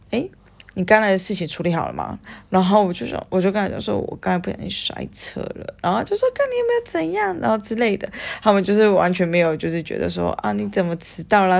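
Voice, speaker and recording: Young woman, Taiwanese Mandarin accent, low-ish voice, gravelly fry, podcast storytelling, acts out quotes. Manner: animated, acts out her own lines, swears casually. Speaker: podcast co-host. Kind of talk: casual chat, storytelling.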